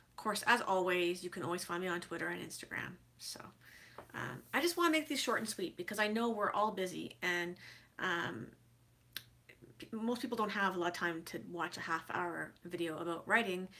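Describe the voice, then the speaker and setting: Fairly low in pitch, this woman sounds bright and forceful. An author vlogger in her forties, she has a head cold and chats congestedly about writing, restarting often and filling gaps with filler words.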